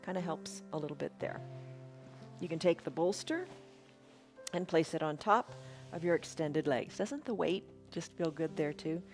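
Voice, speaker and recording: A woman leading a guided restorative yoga class in a soothing, unhurried, encouraging way. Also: low-pitched, darkish tone, faint music behind. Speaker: yoga instructor.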